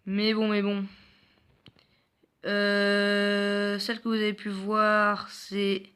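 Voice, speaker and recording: A man's voice: high-pitched, monotone, extremely slow, pushed and bright, clear, resonant tone. A man presenting mobile games in casual gameplay commentary, hesitant and full of filler sounds, with self-mocking jokes. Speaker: mobile game video host.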